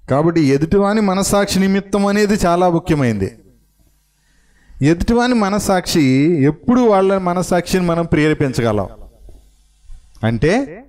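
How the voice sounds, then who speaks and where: A male pastor preaching a sermon, posing questions to the congregation and answering them himself, and reading scripture slowly. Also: fairly high pitch, a little mellow. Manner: reads scripture slowly and solemnly.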